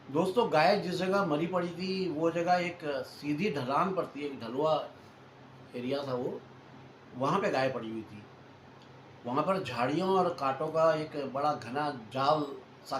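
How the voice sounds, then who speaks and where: A man narrates a hunting tale in a loose, chatty way, going back over his points in new words. His voice sits a little high for a man. The room is echoey and has a faint hiss behind it. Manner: chatty, repeats and rephrases points, addresses listeners as friends. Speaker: storyteller host. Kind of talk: casual spoken retelling of a hunting story.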